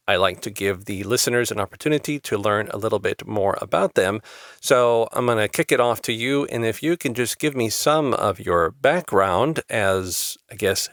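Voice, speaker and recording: Upbeat and effusive toward his guest, this man hosts an interview podcast, delivering intros that seem scripted. His voice is medium-pitched and a bit bright, and the dry recording is studio quality.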